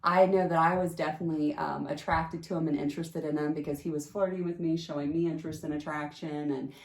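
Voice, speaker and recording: A woman with a fairly low voice tells her story casually, in a chatty and emphatic way. She uses frequent fillers and restarts. The sound carries a roomy echo. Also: fairly even intonation, fast. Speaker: storyteller sharing a personal experience.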